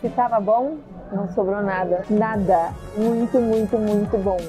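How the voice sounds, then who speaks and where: A woman's voice: mid-range voice, steady tone, measured pace, over music. A young adult Brazilian woman hosting a travel vlog, chatting casually and explaining things as she goes. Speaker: travel vlogger.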